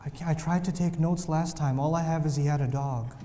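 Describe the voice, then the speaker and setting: A man acting out a quiet, bookish intellectual friend who speaks softly and earnestly, recorded in a reverberant hall. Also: on the high side, fairly even intonation, pitched below the performer's own voice, lightly acted. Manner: soft, earnest, measured. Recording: reverberant hall with faint noise.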